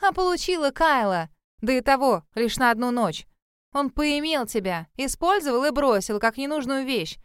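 A woman's voice: fairly high pitch, sing-song, normal speed, clean tone, no echo, clean studio sound. A woman voicing a spiteful, catty young woman who taunts her rival in a sneering tone. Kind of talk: audiobook character voice.

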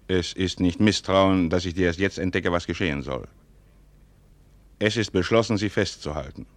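In a 1940s German radio play, a man performs a stern, calculating aristocratic father and military governor, speaking in a grave, measured, declamatory way. His voice is very deep, slow, and commanding, recorded dry.

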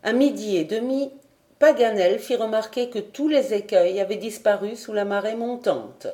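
A woman reading a classic adventure novel aloud in a clear, measured narration. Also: medium pitch, mellow. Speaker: audiobook reader. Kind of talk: scripted narration.

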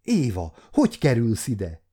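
A wounded young nobleman who speaks earnestly, pleading his case, voiced by a male audiobook reader. The voice is dark and mellow. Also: medium pitch, wildly swooping pitch, husky. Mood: alarmed. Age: 50s.

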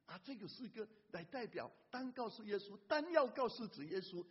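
A man pastor preaching a sermon in an animated way, breaking into a hymn at times. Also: high-pitched, moderate pace, slightly rough. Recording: lo-fi church hall reverb.

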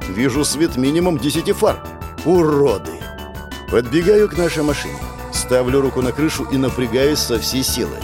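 A man's voice: mid-range voice, lively intonation, fairly quick, hardly any pauses, music in the background. A man narrating a first-person fantasy audiobook in a tense, dramatic way.

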